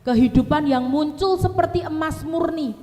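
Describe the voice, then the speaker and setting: A high-voiced woman with a Javanese accent preaches a lively sermon, swinging between loud emphatic lines and quieter, slower ones. Her voice rings out through an echoey church hall with a long reverb trail behind every phrase. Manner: animated, mixing in Javanese asides and acted family quotes, laughing at her own stories.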